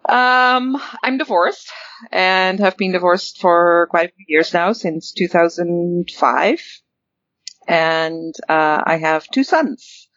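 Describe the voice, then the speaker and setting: A woman's voice: low voice, dry recording, lo-fi sound. A woman in her fifties from the Netherlands, a guest in a casual interview, talking in a rambling way with many ums and restarts. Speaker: guest, networking chapter director.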